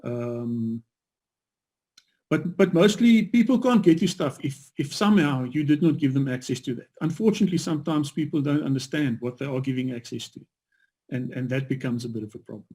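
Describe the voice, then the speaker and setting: A man's voice: mid-range voice, fairly quick, mellow. A man giving an informal explanation as a speaker in an online meeting.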